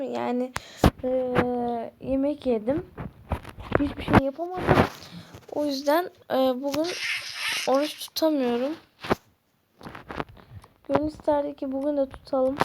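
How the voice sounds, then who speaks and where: A woman's voice: high-pitched, creaky, background noise. A woman narrating a game to her viewers in a chatty way, groggy as if she has just woken up. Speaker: gameplay vlogger.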